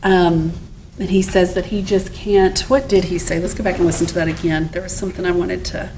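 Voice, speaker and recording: A woman's voice: on the low side, little pitch movement, a little fast, dark tone, slight background noise, poor audio. A woman lecturer talking through cases and asking her audience questions. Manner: chatty, asks the audience questions. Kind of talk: recorded lecture.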